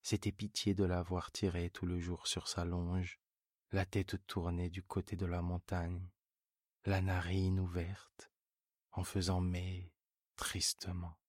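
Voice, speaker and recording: A man reads a bedtime story in a calm, soothing voice meant to lull you to sleep. His voice is very low, breathy and slow, close and dry, with faint music under it. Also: dry recording.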